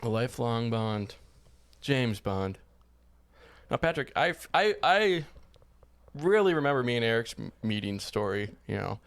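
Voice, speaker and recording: A young man in his twenties chats loosely as a podcast co-host, joking and rambling. He laughs often and sits at an ordinary middle pitch. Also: animated, normal speed, gravelly, long pauses, fairly bright tone. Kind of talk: casual chat.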